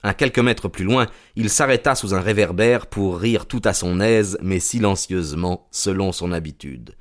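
A man narrating a classic detective story as an audiobook, in a measured literary manner. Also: deep voice.

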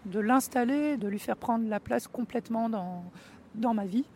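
A man with a morphing, high unbroken voice, reflecting haltingly on himself and searching for his words. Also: dark tone, a little hiss or hum. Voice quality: high-pitched voice like an unbroken boy's. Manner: morphing voice, able to switch between two voices. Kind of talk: reflective personal testimony.

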